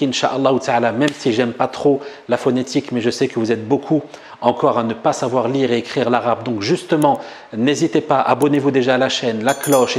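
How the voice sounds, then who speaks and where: A man with a French accent gives a casual lesson in a mid-range voice, standing at a whiteboard. He talks in a friendly, chatty way and slows down to repeat each new word for learners. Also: mid-range voice, a little mellow. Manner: chatty and joking, repeats words slowly to teach them. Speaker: Arabic teacher. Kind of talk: relaxed spoken lesson. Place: room with a whiteboard.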